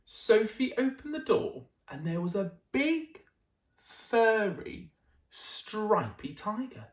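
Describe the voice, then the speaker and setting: A storyteller reads a bedtime picture book to children, taking it slowly in a highly varied, animated voice. He stresses key words dramatically and drops friendly little asides to his listeners, and the room gives the sound an audible echo.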